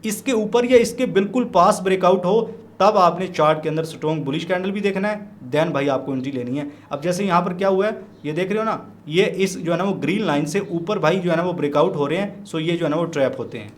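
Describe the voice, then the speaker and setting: A man's voice: sits high, fairly quick, slight background noise. A man from Pakistan, walking through trading charts as a teacher, chatty and repeating his points while he keeps calling the viewer brother. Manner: repeats points to drive them home. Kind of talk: chart walkthrough tutorial.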